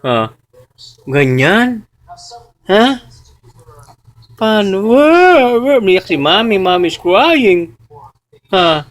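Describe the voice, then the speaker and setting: A woman's voice: on the low side, lively intonation, drawn-out words, pauses often. A woman, talking to a small child in a home video, coaxing and repeating playful questions while mixing in English phrases. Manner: mixes English phrases into Tagalog. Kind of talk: home video baby talk.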